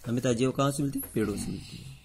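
Speaking very fast in a gravelly mid-range voice, a man walks students through the answers to a test. As a teacher, he keeps repeating key points as questions to the class, then gives the answers himself.

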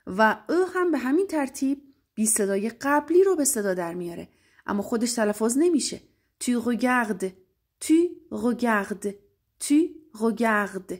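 A Persian-speaking woman teaching French grammar to beginners, explaining clearly and repeating French phrases slowly, several times over. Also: on the high side, a little mellow. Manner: slow, deliberate drilling of French phrases, repeated three times. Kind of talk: online language lesson.

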